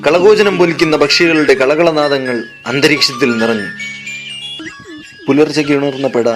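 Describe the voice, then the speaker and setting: A man's voice: on the high side, moderate pace, over music. A male storyteller narrating a comic tale in a dramatic, mock-grand manner.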